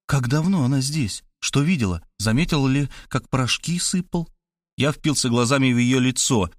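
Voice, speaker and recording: A man narrating a first-person audiobook, animated and expressive, dropping lower for his own character. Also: normal speed, no room sound, clean studio sound.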